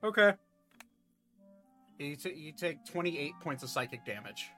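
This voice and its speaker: A man with a bright, slightly high voice runs a tabletop game. He narrates casually and haltingly as game master, with faint music behind him. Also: very animated.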